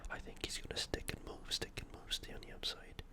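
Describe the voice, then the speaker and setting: The speaker hosts ASMR fight preview videos from the UK, giving laid-back sports commentary slowly in a soft, breathy whisper with no voicing.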